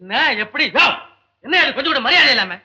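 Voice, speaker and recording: An actor playing a pompous textile shop owner who blusters indignantly, in a 1960s film comedy. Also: male voice, very high-pitched, sing-song, fast, sharp tone, exaggerated voice. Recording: dull old film soundtrack.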